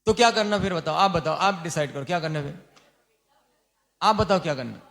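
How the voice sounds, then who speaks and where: High-voiced man giving a quizzing sermon. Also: creaky, a bit bright. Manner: quizzes the listeners with quick repeated questions; informal and teasing. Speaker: Jain monk teaching lay vows. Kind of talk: sermon to a lay audience.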